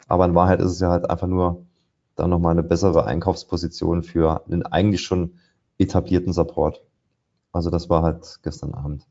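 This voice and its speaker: A man's voice: low-pitched, warm tone, lo-fi sound. A man commenting live on market charts as he trades, thinking aloud with many fillers. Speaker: trader presenting a live trading session. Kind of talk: live market commentary over screen share.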